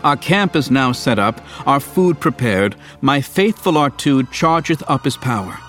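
An actor playing an earnest, exasperated young hero in Shakespearean verse, declaimed like a hammy stage performer. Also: male voice, mid-range voice, expressive, a little slow, fairly bright tone, soft background music. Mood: lamenting, dramatic. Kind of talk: dramatic Shakespearean verse reading.

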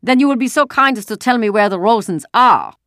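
Woman as older German military man, harsh, loud, menacing, barking orders, audiobook villain, dry sound. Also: very animated, moderate pace, no echo. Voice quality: deep, harsh. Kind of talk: audiobook character voice.

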